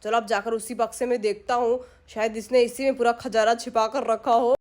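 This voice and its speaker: Greedy sneaky thief guy muttering his plans, gloating, woman putting on a lower voice. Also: little pitch movement, moderate pace, darkish tone, natural voice. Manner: muttering schemes to himself, gloating. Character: greedy scheming male village thief.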